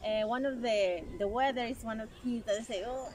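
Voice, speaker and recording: A Colombian woman whose first language is Spanish talks with a Colombian Spanish accent, her voice fairly high, fairly quick, and a little mellow. Chatting casually as an interview guest, she's cheerful, laughs often, and uses many fillers. A slight hiss or hum sits under the recording.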